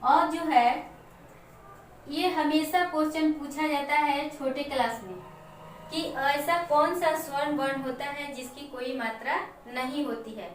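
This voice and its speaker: A woman teacher explaining a Hindi lesson to children slowly and step by step, with example words. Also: sits high, steady tone. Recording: echoey room, mic far off, faint noise.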